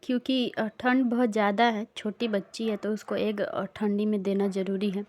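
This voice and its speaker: A young woman from India narrating a casual home vlog, speaking slowly and deliberately with frequent pauses. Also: mid-range voice, little pitch movement, darkish tone. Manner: slow, deliberate, pausing often. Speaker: vlogger. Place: home, indoors.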